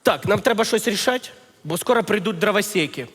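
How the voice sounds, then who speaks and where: A man playing a high-pitched scheming wolf. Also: lively intonation, brisk, fairly bright tone, husky, exaggerated voice. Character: male wolf, scheming, hungry. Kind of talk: comedy sketch on stage. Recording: stage sound with long reverb and music.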